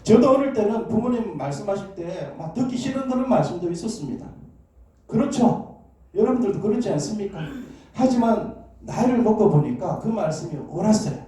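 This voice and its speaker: Man, pastor, sermon with call-and-response, very dark mellow tone, roomy church echo. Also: sits high, animated, a little fast. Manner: call-and-response, asking questions and prompting amens. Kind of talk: sermon to a congregation with children. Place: church sanctuary. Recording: echoey church hall, distant mic.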